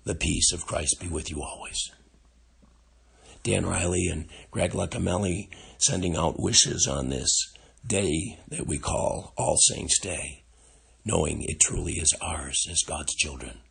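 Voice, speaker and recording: This is a low-pitched older man whose frail voice is breathy and gravelly. He delivers a quiet, contemplative devotional on scripture with long silences.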